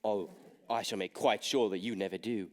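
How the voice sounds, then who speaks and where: A young man acting a weary, proper gentleman in a school stage comedy, with a dry delivery. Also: fairly low pitch, steady tone, moderate pace, close to an everyday voice. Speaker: stage actor in a school play.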